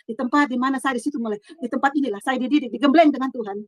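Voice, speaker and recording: A middle-aged woman gives an earnest personal testimony in her own room, her voice high and her words rushing. She halts and restarts often and swings between hushed and loud passages, recorded dry and close. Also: no room sound. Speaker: testimony speaker.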